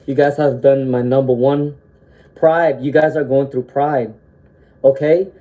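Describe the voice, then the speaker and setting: In a rough recording, a tarot reader doing a live-stream reading speaks unhurriedly in a steady, mid-range voice despite a cold that has her sniffling. She is gentle and reassuring, leans on frequent "um"s, and habitually closes sentences with "okay?"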